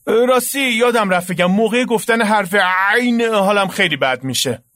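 An actor playing a naive, earnest young man in a comic radio drama, defending his muddled ideas with drawn-out emphasis. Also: high-pitched, expressive, a bit bright, no echo, clean studio sound. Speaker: naive worshipper with odd ideas.

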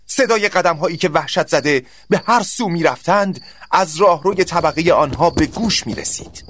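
A man narrating a scripted story in a dramatic, expressive way. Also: fairly high pitch, dry recording, studio quality.

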